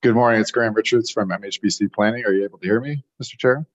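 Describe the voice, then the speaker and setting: A man's voice: on the low side, rapid-fire. A man, a planning consultant, speaking politely in a formal meeting over a video call whose audio keeps breaking up. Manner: polite, formal, addresses the chair. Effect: choppy, breaking-up video call audio. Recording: dull lo-fi dry video call.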